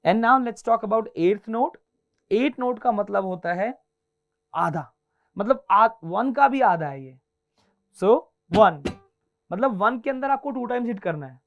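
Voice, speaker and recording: A man's voice: sits high, expressive, slow, pauses often, muffled recording. A male guitar teacher giving a classroom lesson, counting beats aloud and mixing Hindi with English. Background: faint guitar playing.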